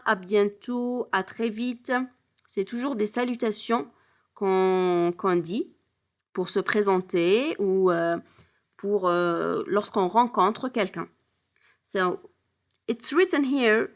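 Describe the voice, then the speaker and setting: A woman teaches French in a bilingual lesson. Her voice sits a little high, and she talks at an unhurried pace. She switches between French and English and often stops to hesitate before going on. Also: fairly bright tone. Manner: frequent hesitation fillers.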